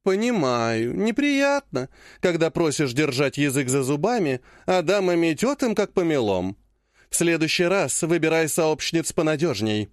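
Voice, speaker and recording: A man's voice: a little high, big pitch swings, dry recording, studio quality. A man doing a sweetly menacing clan matriarch. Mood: honeyed menace. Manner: honeyed, slow, quietly threatening. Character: sweetly menacing older woman clan head.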